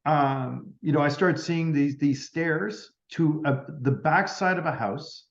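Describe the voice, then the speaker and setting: Speaking slowly in a fairly high voice, this male medium recounts an experience during a relaxed podcast interview. He acts out both parties in every exchange and leans heavily on "like." The audio has a roomy, slightly muffled quality.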